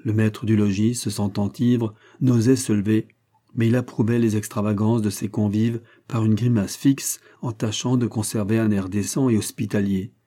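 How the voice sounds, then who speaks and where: A man reading a classic novel aloud as audiobook narrator, measured and literary. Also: on the low side, fairly even intonation, mellow. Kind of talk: scripted narration.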